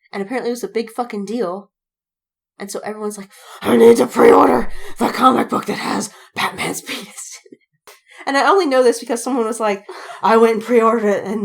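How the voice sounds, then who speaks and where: She's a podcast co-host with a fairly high voice, casually chatting and retelling animated anecdotes. Giggly throughout, she acts out the reactions as she goes.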